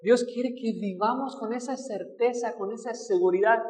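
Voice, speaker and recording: A man's voice: extremely high pitch, normal speed, darkish tone. A male pastor preaching a sermon, who asks the congregation questions and acts out the voices he quotes. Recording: echoey hall with long reverb.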